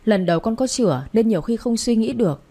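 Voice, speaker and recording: Storybook figure: weepy pleading young servant woman, higher voice, soft tone, read by a woman. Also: animated, fast, slightly rough. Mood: whining. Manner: whiny and pleading. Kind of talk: storybook character voice.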